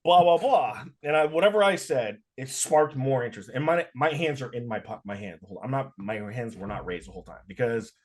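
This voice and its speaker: A young man co-hosting a podcast, telling a story in a casual, animated rant full of swearing and filler words. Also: medium pitch, quick pace, hardly any pauses. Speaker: podcast co-host.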